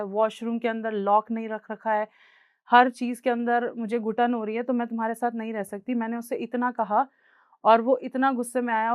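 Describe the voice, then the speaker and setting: A woman's voice: a little high, clean tone, no room sound, studio quality. A young woman with an Indian accent tells a personal life story on stage in an earnest, plain way, slipping English words into her talk.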